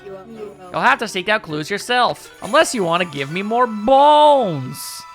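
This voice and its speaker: A man's voice: high voice, sing-song, slow pace, fairly bright tone, faint music behind, exaggerated voice. A man voicing an eccentric, bone-obsessed woman fortune teller from a video game, delivering dramatic, mystical prophecies. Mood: dramatic prophecy. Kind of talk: comic read-aloud of video game dialogue.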